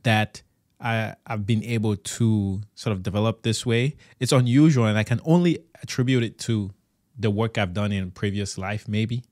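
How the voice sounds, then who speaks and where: A man from Cameroon hosting a casual interview, talking in a thoughtful, halting way and laughing often. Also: on the low side, a little mellow, no echo, studio quality. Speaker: podcast host.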